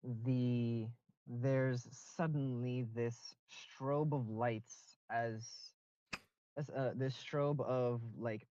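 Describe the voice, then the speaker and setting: Male game master, slow hesitant narration, dry dull lo-fi voice chat audio. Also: medium pitch, a little mellow, no room sound. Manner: halting, restarts narration with many fillers. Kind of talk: narrating a tabletop game session.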